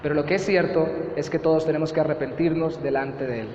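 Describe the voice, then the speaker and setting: A man's voice: on the high side, steady tone, quick pace, darkish tone, a little hiss or hum. A Colombian man preaching a sermon as pastor, earnest and repeating phrases for emphasis. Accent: Colombian Spanish. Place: church hall. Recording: echoey church hall, slightly dull.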